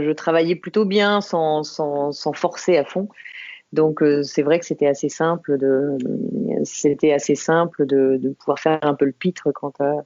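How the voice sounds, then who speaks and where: A woman of about fifty from the Paris suburbs, a podcast guest talking about her life in a reflective, unhurried way, pausing and restarting often. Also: deep voice, warm tone, no echo, dull audio. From Paris suburbs, France. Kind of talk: podcast interview conversation.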